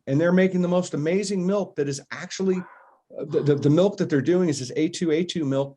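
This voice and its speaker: Man, American, podcast host, casual chat, enthusiastic, jokey, rapid talk. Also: a little high, a little mellow. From United States.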